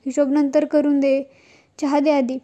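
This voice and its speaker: A woman's voice: sits high, level tone, measured pace, dark tone. A woman reading a boastful son-in-law. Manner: boastful, pushy.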